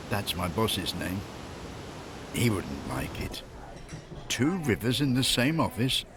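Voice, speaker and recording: A middle-aged or older man with a lowish voice chats casually against a noisy background. He's an expatriate living in Finland who tells anecdotes wryly and humorously, often amused by his own jokes.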